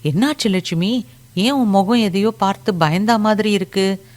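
A woman's voice: mid-range voice, moderate pace, darkish tone, voice pushed up, natural voice. A woman voicing a curious, prying neighbor woman in a storybook reading. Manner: prying, questioning. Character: Sundari, curious nosy female neighbor.

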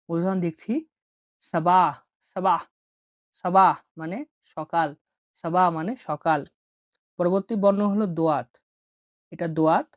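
Low-voiced woman teaching slowly, dry sound. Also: a little mellow, no echo, muffled recording. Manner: repeats each example word slowly and carefully. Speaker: language teacher. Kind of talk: slow instructional lesson.

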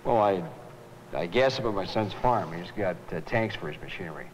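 An older man playing a skeptical customer at a repair shop in a 1980s training film, gruff in manner. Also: low voice, expressive, normal speed, big-room sound, slight background noise, rough recording. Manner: gruff, skeptical, then agreeable. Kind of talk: 1980s educational film acting.

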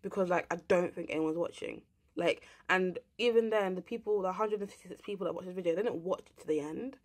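Blunt, rambling woman vlogger, low voice. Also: quick pace. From England. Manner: rambling, blunt, swears freely. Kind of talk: casual ranting monologue.

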